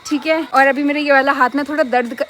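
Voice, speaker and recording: A woman's voice: high voice, fairly even intonation, quick pace, a bit bright, slight background noise. A young woman vlogging casually, telling a story animatedly with laughs. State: hiccuping. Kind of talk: casual vlog chat. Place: home and neighbourhood street.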